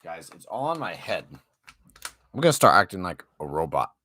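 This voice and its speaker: A man's voice: low voice, very animated, normal speed, bright, forceful tone, a little hiss or hum. A young man commentating his own online chess games, swinging between panic and self-hype with self-deprecating jokes. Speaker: chess streamer.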